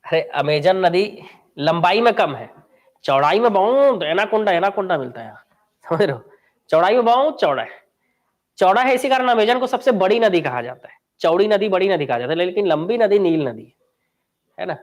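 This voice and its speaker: High-voiced Chhattisgarhi coaching teacher. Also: male voice, expressive, brisk. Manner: chatty, quizzes students and answers himself. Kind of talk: live online class lecture.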